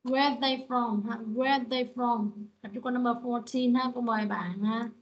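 A woman leads an online English pronunciation lesson. She repeats each phrase several times and calls students up by name. Her voice sits a little high, and the call audio sounds slightly muffled. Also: steady tone, unhurried. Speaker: English teacher.

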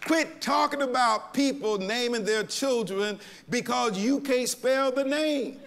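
Older preacher man, high voice, sings his sermon lines, keeps saying y'all. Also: unhurried, gravelly, fairly bright tone. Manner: preaching with a sung, whooping cadence, addressing "y'all". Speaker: pastor.

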